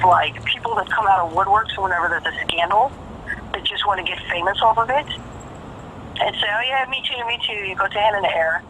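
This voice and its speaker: A woman's voice: mid-range voice, pushed and bright, a little hiss or hum. A woman talking casually on a phone call, emphatic and profane, repeating phrases for stress. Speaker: caller.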